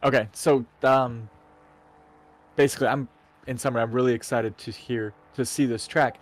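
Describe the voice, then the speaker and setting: A man's voice: medium pitch, fairly even intonation, moderate pace. A man co-commentating on a racing livestream, casually explaining in an analytical way.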